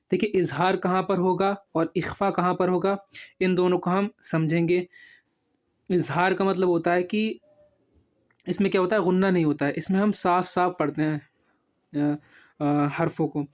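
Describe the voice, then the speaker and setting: A man with a high-sitting, darkish voice teaches a reading lesson step by step. He patiently asks questions and answers them himself, drawing out each syllable slowly as he spells.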